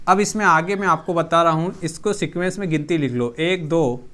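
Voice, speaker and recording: A man teaching an exam-prep lesson, slowly repeating each term so students can write it down. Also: a little high, fairly bright tone, slight background noise.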